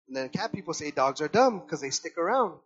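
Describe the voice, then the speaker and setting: A man's voice: fairly high pitch, fairly quick, husky, muffled recording. A man preaching a sermon to his congregation, addressing them as brothers and sisters and acting out voices as he speaks. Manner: animated, acts out voices of people and animals. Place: church service.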